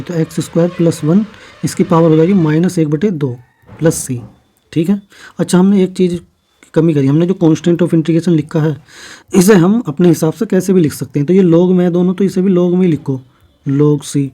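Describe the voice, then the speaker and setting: Maths teacher guy, super mellow warm tone, slightly high voice, walks thru steps one by one. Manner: steady step-by-step explaining with frequent "theek hai" checks. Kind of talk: exam-prep maths lesson.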